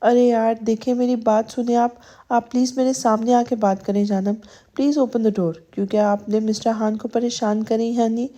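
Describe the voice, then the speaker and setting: A woman's voice: fairly high pitch, little pitch movement, dark tone, lightly acted. A woman voicing a possessive, stern young husband who turns coaxing, in a spoken storybook. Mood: pleading. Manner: firm, turning tender then sulky.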